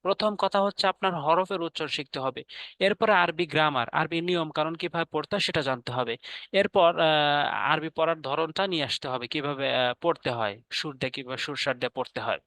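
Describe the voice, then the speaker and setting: A man teaching Quran recitation, slowly sounding out Arabic words and repeating each one in a patient, step-by-step lesson. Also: on the high side, bright, forceful tone, no room sound. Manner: patient, repetitive instruction with many filler pauses.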